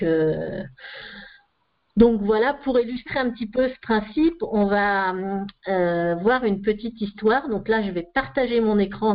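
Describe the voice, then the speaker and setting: A woman explains her ideas to an online group, pausing often with fillers as she goes. Her voice sits at an ordinary middle pitch, and the video call makes it sound muffled. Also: a little hiss or hum. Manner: hesitant, with frequent "euh" fillers. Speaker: session leader.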